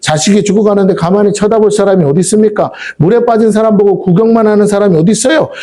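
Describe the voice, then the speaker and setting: A middle-aged man preaching a fervent sermon as a pastor, rising to shouts and asking his congregation questions. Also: high voice, fast.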